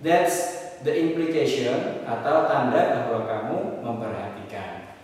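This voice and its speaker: A man teaching an English lesson at a whiteboard, mixing Indonesian and English and repeating key phrases slowly with emphasis. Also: mid-range voice, lively intonation, darkish tone. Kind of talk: classroom lesson explaining at a whiteboard. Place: classroom. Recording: echoey room, voice distant from the mic.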